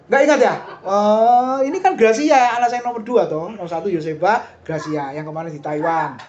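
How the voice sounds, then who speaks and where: Middle-aged man, Indonesian accent, sermon, lively questioning delivery, slightly dull sound. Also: sits high, normal speed. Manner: lively, talks straight to the congregation with asides and questions. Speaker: preacher.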